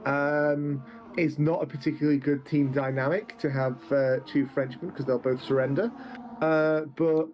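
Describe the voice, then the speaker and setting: A man's voice: a little high, fairly even intonation, darkish tone, slight background noise. A man of twenty commentating a sim racing event live, calling the action and joking with his co-host. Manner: joking, quick banter between race calls.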